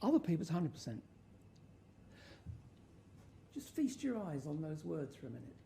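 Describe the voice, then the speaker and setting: A woman's voice: deep voice, very animated, fast talker, creaky, warm tone, a little hiss or hum. A woman giving an informal research presentation to an audience, using rhetorical questions and emphasis. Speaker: conference speaker.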